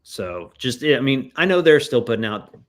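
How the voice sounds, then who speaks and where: A man in a casual chat, musing and rambling with lively enthusiasm. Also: medium pitch, moderate pace. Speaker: guest.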